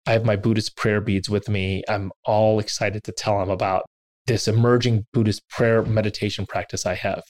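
A man with a low-pitched voice tells a personal story in an earnest, self-deprecating way. The sound is dry and close, with no room around it. He animates the quoted asides as he hosts the interview. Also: level tone, moderate pace, darkish tone, dry recording. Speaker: interviewer and podcast host.

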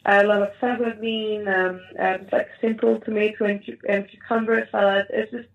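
Female interview guest, North African accent, mid pitch, explanatory and searching for words, narrow phone-like audio. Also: level tone, moderate pace. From Morocco. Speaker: interview guest, Moroccan food cook. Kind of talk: conversational interview answers. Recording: thin, phone-like call audio.

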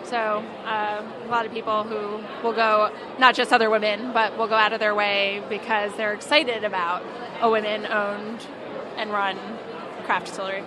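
A woman's voice: mid-range voice, flat delivery, normal speed. Talkative woman over crowd noise. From New York. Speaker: craft syrup maker. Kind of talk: casual interview answers. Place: busy food market.

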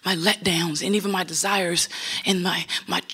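A woman's voice: lowish voice, fairly even intonation, normal speed, pushed and bright, slightly rough. Woman performing a spoken word prayer. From Los Angeles. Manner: rhythmic, builds to passionate singing. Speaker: panel speaker and spoken word poet. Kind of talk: spoken word poem with sung hymn.

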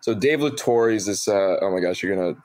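A man in his twenties, a guest telling animated, self-mocking stories with many fillers over a video call. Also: lowish voice, brisk. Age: 20s. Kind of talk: casual interview storytelling.

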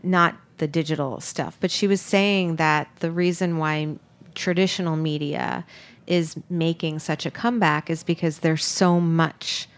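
A woman's voice: deep voice, steady tone, measured pace. A woman hosting a podcast interview, talking in a rambling, hesitant way with many restarts. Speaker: podcast host, food business owner. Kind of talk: casual interview chat.

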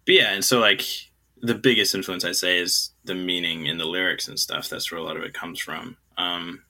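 Young man, low gravelly voice, sharp bright tone, hesitant rambling interview chat. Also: fairly even intonation, fairly quick. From New Zealand, raised in China. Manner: hesitant, rambling with many fillers and laughs. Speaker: guest musician.

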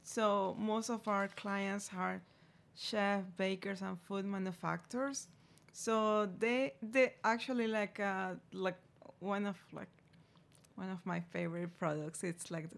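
A woman who founded a food company, answering interview questions in a halting way with many fillers. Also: mid-range voice, vocal fry. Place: radio studio.

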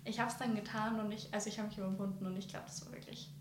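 A woman's voice: mid-range voice, little pitch movement, fast talker, reverberant, noisy background. A woman speaking candidly and hesitantly about her own experience, often searching for words. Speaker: guest sharing a personal recovery story. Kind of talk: candid personal conversation.

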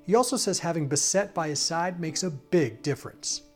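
A man reporting a news feature in a measured, scripted narration. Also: on the high side, soft background music.

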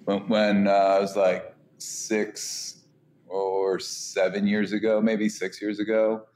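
A man's voice: lowish voice, flat delivery, takes it slowly, a little mellow. A man, a chef and restaurant co-founder, talking casually in an interview with eager, stumbling restarts.

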